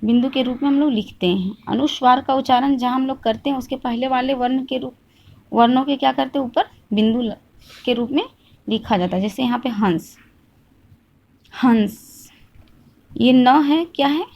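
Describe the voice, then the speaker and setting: A fairly high-voiced woman teaches a grammar lesson step by step. She keeps asking questions and answering them herself, and she repeats each point slowly so it sinks in. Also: gravelly, darkish tone.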